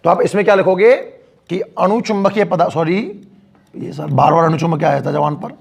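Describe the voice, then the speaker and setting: High-voiced physics teacher. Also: male voice, steady tone, a little fast, creaky, breathy edge. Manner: addresses students directly with frequent questions and encouragement. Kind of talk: classroom physics lecture. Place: school classroom with a board.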